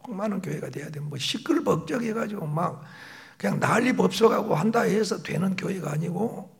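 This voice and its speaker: A middle-aged man preaches with a gravelly, slightly high voice. His pitch swings widely as he presses a point, then drops to a hushed whisper. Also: animated, brisk. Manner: shifts between raised emphatic phrases and soft whispered asides. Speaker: pastor. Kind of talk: sermon.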